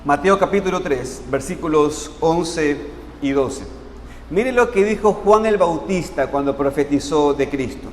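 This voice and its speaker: A man preaching a sermon as pastor. He asks the congregation questions and answers them himself, and he slows down to stress key words. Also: on the high side. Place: church sanctuary. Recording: long reverb in a church hall, faint noise.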